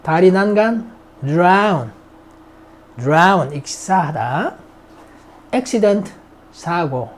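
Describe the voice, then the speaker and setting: A middle-aged man whose first language is Korean, teaching English grammar in a recorded lecture and drilling vocabulary by slowly repeating words for students to echo. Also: high-pitched, darkish tone.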